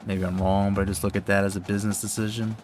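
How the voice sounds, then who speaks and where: A man's voice: fairly low pitch, flat delivery, fast, faint music behind. A man casually commenting while playing a football video game, rambling and swearing between mock play-by-play calls. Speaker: gaming streamer.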